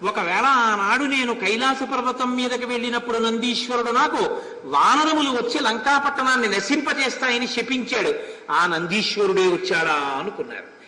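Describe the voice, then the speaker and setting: A man giving a devotional discourse on an epic in a large hall, animated in storytelling and chanting verses. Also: extremely high pitch, normal speed. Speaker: religious storyteller. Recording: echoey hall with long reverb.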